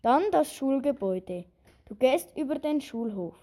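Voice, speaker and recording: A woman narrating a guided imagery journey in a calm, soothing, deliberate way. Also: high-pitched. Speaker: narrator and host.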